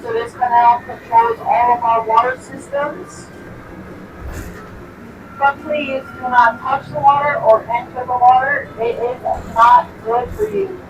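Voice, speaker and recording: Lady trolley guide, bit high voice, far off with loud road noise. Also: unhurried, highs cut off. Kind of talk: guided tour announcements. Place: on a moving trolley. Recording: echoey, distant, noisy trolley recording.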